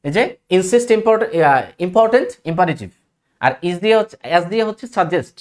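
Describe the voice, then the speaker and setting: A man's voice: high-pitched, lively intonation, quick pace. Man chanting English word lists rhythmically. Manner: mixes English phrases into explanation. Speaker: English teacher. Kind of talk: recorded grammar lesson.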